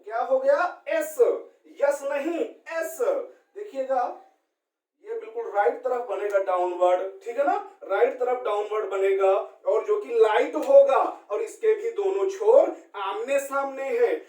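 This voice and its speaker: A man's voice: very high-pitched, a little mellow. Male shorthand teacher from India, patient and repetitive, heard off-mic in a roomy space. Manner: keeps checking in with listeners, repeats key points and spells out letters slowly. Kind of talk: classroom-style explanation. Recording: roomy sound from a distant mic.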